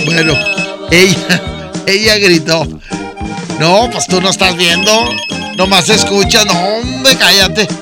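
A man with a Mexican accent hosting a radio request show, trading loud jokes with callers. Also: sits high, slow, pauses often, loud music behind the voice. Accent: Mexican Spanish. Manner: loud joking banter with callers. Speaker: radio DJ host.

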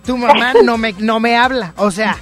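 A woman hosting a radio call-in show, teasing and playful with callers and quick to laugh. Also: fairly high pitch. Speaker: radio host taking song requests. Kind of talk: casual call-in banter. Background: music.

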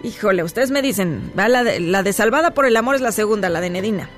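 A woman's voice: mid-range voice, lively intonation, soft background music. A woman hosting a live stream, reading viewers' verses aloud and chatting with commenters. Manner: chatty, quick, reacting to comments. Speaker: host reading viewer submissions.

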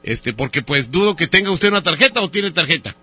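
A man's voice: fairly high pitch, animated, brisk, pushed and bright, breathy edge, no echo. A man who hosts a radio show, making a prank phone call and playing a hesitant customer, full of fillers and teasing jokes. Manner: teasing and joking. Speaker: radio host.

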